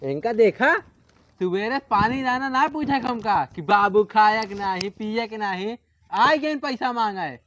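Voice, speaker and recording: A man's voice: high voice, lively intonation, measured pace, fairly bright tone, highs cut off, slight background noise. An older man with an Awadhi accent playing a retired father-in-law who grumbles about money in a comedy sketch.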